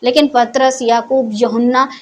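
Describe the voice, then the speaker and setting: A woman's voice: fairly high pitch, little pitch movement, moderate pace. A woman giving a conversational Bible teaching, who keeps putting questions to her listeners and then answering them herself, in a scolding teacher's tone. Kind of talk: Hindi Bible teaching talk.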